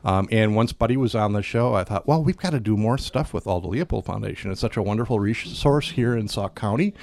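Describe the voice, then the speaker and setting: A man's voice: lowish voice, fairly quick, creaky, darkish tone. A man hosting a small-town radio interview show, casual and jokey, rambling with restarts. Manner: playful, jokey, rambling with restarts and sung bits. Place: local radio studio.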